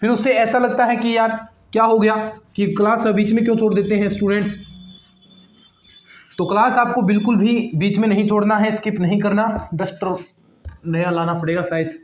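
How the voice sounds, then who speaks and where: A man's voice: high-pitched, level tone, brisk. A man teaching a maths class online, talking to his students in a chatty, repetitive way as he works at a board. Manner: chatty and repetitive, addresses students as friends and lectures them about attendance. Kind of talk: online exam-prep lecture. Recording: echoey room, slightly dull sound.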